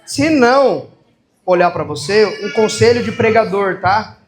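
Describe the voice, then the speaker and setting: A man with a Brazilian Portuguese accent preaching a sermon, calling out to the congregation for responses and reading scripture slowly and solemnly. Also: high-pitched, lively intonation, slight background noise. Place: church hall. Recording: echoey church hall.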